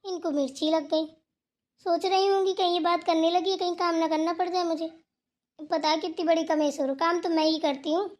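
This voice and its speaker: A woman's voice: extremely high pitch, steady tone, fairly quick. A woman voicing a defiant young village daughter-in-law in a cartoon who talks back sassily. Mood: grumbling. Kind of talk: cartoon voice acting.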